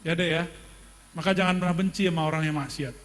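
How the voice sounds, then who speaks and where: A middle-aged Islamic preacher teaches a classical text in a sermon, speaking quickly in a high, light voice. His style is relaxed and conversational, with questions put to listeners and jokes slipped in along the way.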